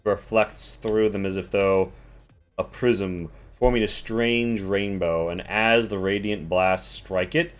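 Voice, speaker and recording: A man improvising descriptive, somewhat halting narration as the game master of a tabletop game. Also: on the low side, steady tone.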